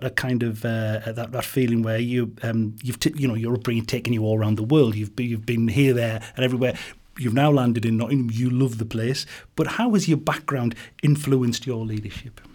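A man interviewing a guest, asking long questions full of restarts. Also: mid-range voice. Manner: rambling questions with many restarts.

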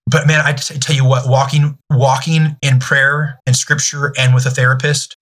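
A man in his thirties, a youth ministry director, speaking candidly as a podcast guest, pausing and restarting often. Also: mid-range voice, level tone, a bit bright. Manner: halting, many restarts and fillers.

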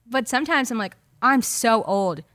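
A woman's voice: fairly high pitch, expressive, normal speed, a bit bright. A woman in her twenties talking casually as a podcast panelist, filling her speech with "like". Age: 20s. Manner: chatty, many "like" fillers. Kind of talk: casual chat.

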